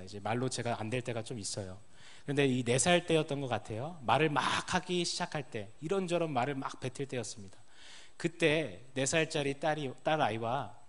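The speaker is a thirtysomething pastor whose sermon unfolds as a narrative. His sentences trail off, the voice going low and quiet at the end.

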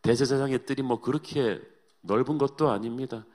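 A male pastor preaching a sermon with dramatic storytelling, swinging between hushed and emphatic delivery. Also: medium pitch, brisk.

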